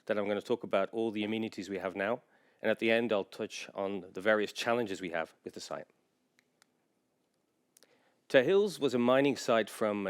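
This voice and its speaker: Man, lowish voice, smooth and resonant, measured conference talk, frequent uh pauses. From England. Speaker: general manager giving a presentation. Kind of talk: conference presentation.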